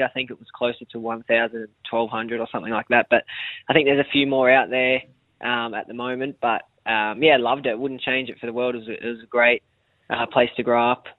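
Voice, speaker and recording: A football player from the Central West of New South Wales, Australia, talks easily as a guest on a sports radio phone interview. His Australian-accented voice is rather high, full of fillers and restarts, and comes through a dry, tinny line with no room sound.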